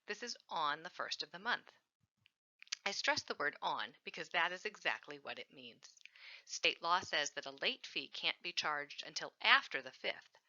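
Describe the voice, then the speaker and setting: A woman narrating a scripted training lesson on renting, clear and instructive, stressing key words. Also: sits low, pushed and bright, lo-fi sound. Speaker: housing program trainer.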